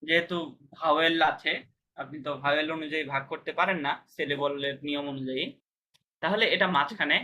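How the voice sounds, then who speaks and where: A man's voice: a little high, bright, forceful tone. A man teaching a language class, patiently explaining pronunciation step by step and checking whether students understand.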